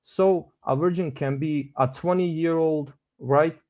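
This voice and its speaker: A man's voice: on the high side, fairly even intonation, takes it slowly, darkish tone. A man in his twenties with a Bosnian accent, calling in to a debate show and explaining his point politely and hesitantly. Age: 20s. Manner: hesitant, polite, full of uh fillers. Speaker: caller. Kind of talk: debate call-in.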